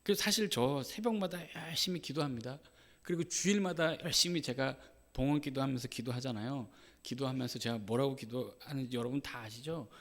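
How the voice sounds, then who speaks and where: A man's voice: medium pitch, a little fast, a bit bright. A male pastor preaching a sermon in a conversational way, often adding a short "yes" and acting out the lines he quotes. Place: church sanctuary. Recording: reverberant church sanctuary.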